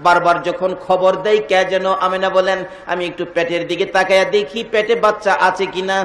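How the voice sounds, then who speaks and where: High, bright-voiced preacher in an echoey hall. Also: male voice, level tone, brisk. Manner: sing-song, swinging between loud calls and hushed lines. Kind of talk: Bengali waz sermon. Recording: echoey hall over loudspeakers.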